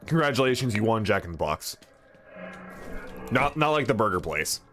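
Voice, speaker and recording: A man streaming a video game, commenting casually in a joking, swearing, animated way. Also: lowish voice, normal speed, soft background music.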